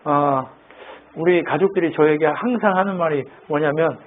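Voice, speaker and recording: High-voiced pastor on a tinny line. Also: male voice, normal speed. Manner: conversational, quizzes the congregation, teasing and playful. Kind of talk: sermon. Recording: tinny phone-like band, faint noise.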